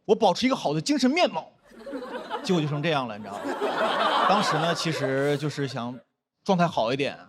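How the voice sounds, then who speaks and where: A man's voice: fairly high pitch, a loud crowd, very noisy. A young man performing a stand-up comedy set on stage, acting out quoted dialogue. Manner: animated, quick-talking, acts out quoted dialogue. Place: comedy stage before a live audience.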